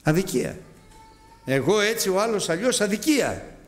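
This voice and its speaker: A man preaching a sermon on a Gospel passage, animated, swinging from high exclamations to low asides and acting out the voices he quotes. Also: in a large hall, soft background music.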